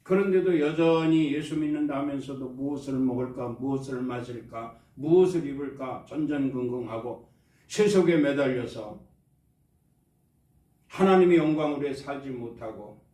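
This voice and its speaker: A man's voice: medium pitch, moderate pace, dark tone. A man preaching a Sunday sermon as pastor, drawing responses from his congregation. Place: church sanctuary. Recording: echoey church hall, mic at a distance.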